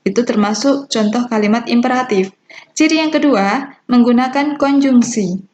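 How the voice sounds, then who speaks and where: A woman teacher giving a recorded lesson, explaining step by step with slow, deliberate delivery and small fillers. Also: a little high, a little mellow. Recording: dull lo-fi recording with faint hiss.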